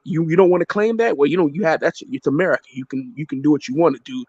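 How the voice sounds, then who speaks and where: A man's voice: on the high side, quick pace, a little mellow, husky, no room sound. Blunt, insistent man, dry lo-fi sound. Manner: blunt, insistent, repeats himself. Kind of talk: casual chat. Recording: dry, dull lo-fi audio.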